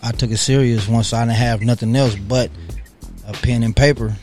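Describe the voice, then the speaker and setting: A man's voice: mid-range voice, fairly even intonation, moderate pace, darkish tone. A man from California, a guest rapper in casual interview chat, talking laid-back and slangy, often asking "you feel me". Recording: music playing behind. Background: music.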